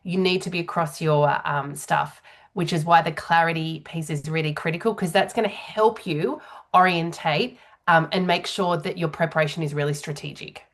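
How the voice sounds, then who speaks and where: Lower-voiced woman coaching public speaking, conversational. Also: fairly even intonation, fairly bright tone. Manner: hesitant, filler-heavy, pausing mid-sentence as she explains.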